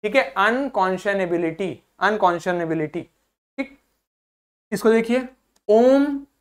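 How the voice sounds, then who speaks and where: A man's voice: high voice, lively intonation, normal speed, fairly bright tone. A man teaching a vocabulary lesson to school students, mixing English and Hindi, breaking words into syllables and repeating each one several times while checking in with the class. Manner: peppers speech with "theek hai" checks to the class.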